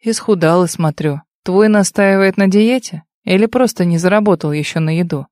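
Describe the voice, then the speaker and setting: A woman's voice: on the low side, moderate pace, a little mellow, no room sound, studio quality, natural voice. A woman voicing a smug young man who talks down to others with sneering condescension in an audiobook. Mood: mocking. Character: smug mocking young man, old rival.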